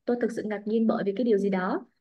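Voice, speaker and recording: Woman, Vietnamese accent, English teacher, online class, lively and brisk. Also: medium pitch, muffled recording. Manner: switches between model English answers and brisk explanations, animated. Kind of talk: live online IELTS speaking class.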